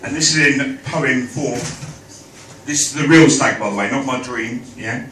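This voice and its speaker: The best man delivers a lighthearted wedding toast in comic rhyming verse, projecting his sharp-toned, mid-range voice at a moderate pace. He is recorded from far away in an echoey room with slight background noise.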